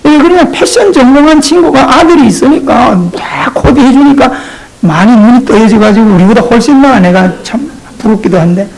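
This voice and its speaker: A male pastor preaching a sermon, talking straight to his congregation in a playful, animated way. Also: extremely high pitch, moderate pace, a little hiss or hum, poor audio.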